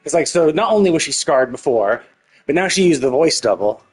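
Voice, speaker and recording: Over game music with guitar, a game streamer with a fairly high, lively voice rambles casually through live commentary, thinking aloud and swearing mildly. He talks briskly, and there's a little hiss or hum on the recording.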